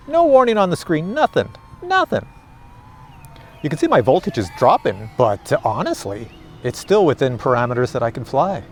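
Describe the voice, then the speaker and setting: A man chatting casually to viewers outdoors while he flies and reviews a drone. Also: mid-range voice. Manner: chatty, excitable, talks to viewers. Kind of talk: casual live commentary while flying.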